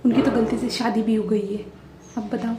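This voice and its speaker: A woman voicing a playful, excitable young man who teases and exclaims. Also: on the high side, moderate pace, a little hiss or hum, close to an everyday voice. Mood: teasing. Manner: teasing, exclamatory. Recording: echoey room.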